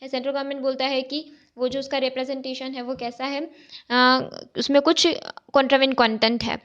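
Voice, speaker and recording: High-voiced woman tutor, lo-fi recording. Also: little pitch movement, fairly quick, fairly bright tone. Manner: explains step by step, poses questions and answers them, often says "ठीक है". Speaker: chartered accountancy tutor. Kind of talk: recorded exam-prep lecture. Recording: dull, lo-fi recording.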